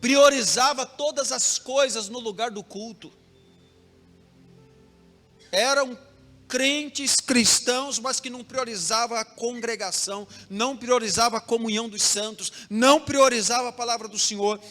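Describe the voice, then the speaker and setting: High-voiced Brazilian preacher in a reverberant church. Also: male voice, unhurried, fairly bright tone. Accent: Brazilian Portuguese. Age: young adult. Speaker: pastor. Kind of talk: sermon. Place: church hall. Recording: long hall reverb with music behind.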